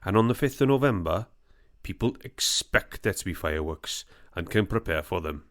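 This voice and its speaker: A man doing Fireman Sam, a steady firefighter. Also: deep voice. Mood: calm, earnest. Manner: slow, measured, safety-lecture delivery. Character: calm earnest Welsh male firefighter. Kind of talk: comic mock interview.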